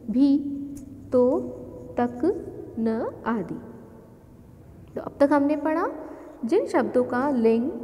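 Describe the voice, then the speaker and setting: High-voiced woman teaching a grammar lesson. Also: warm tone, in a large hall. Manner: slow and deliberate, listing examples one by one.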